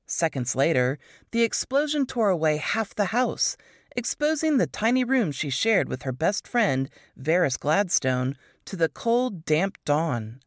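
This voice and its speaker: A woman narrating an excerpt from a wartime novel in an expressive storytelling manner. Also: a little slow, no echo, studio quality. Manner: expressive storytelling, swooping pitch. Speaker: reader of a book excerpt. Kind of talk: scripted narration.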